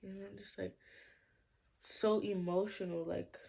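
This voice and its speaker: A woman's voice: medium pitch, steady tone, a little slow, vocal fry, mellow, slightly rough. A young woman vlogger telling a personal story in her bedroom, rambling and saying "like" constantly. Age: young adult. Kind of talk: casual storytime vlog. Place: bedroom at home.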